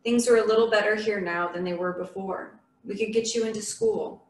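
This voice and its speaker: A woman reading the lines of a gentle, loving mother on the phone, soft and reassuring. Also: mid-range voice, steady tone, fairly quick, close to an everyday voice. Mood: tender. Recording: echoey room from a distant mic.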